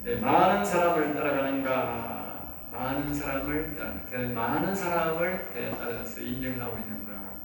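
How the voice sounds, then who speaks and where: A man's voice: medium pitch, expressive, moderate pace, vocal fry, few pauses. A man with a Gyeongsang Korean accent, a pastor lecturing a seminary class. He talks emphatically, repeats key phrases and keeps checking that his listeners follow. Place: church lecture room. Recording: very echoey room, mic at a distance, faint background noise.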